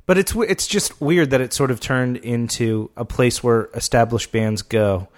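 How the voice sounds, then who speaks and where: A man co-hosting a podcast in casual chat, rambling with lots of fillers and halting restarts. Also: medium pitch. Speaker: podcast co-host.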